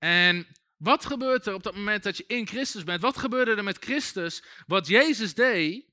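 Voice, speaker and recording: Male preacher, high voice, bright tone, dry close sound, chatty sermon with restarts. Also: lively intonation, moderate pace, no echo. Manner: conversational, many asides and restarts.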